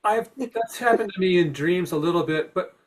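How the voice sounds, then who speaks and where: A man with a slightly high voice hosts a spiritual podcast conversation. He speaks warmly encouraging words with a reassuring tone, often pausing and restarting his sentences. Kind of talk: casual spiritual discussion.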